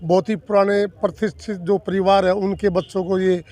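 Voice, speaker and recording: Speaking at a normal speed in a high, dark-toned, level voice, this North Delhi villager in his sixties is an election candidate being interviewed. He answers earnestly and with emphasis, listing points and repeating them.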